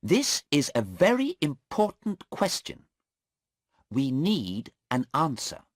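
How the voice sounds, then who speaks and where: Man doing a sharp, pushy defense lawyer. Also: on the high side, wildly swooping pitch, slow, no room sound, studio quality, voice pushed up, exaggerated voice. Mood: pressing. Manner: pointed questioning, pushes hard.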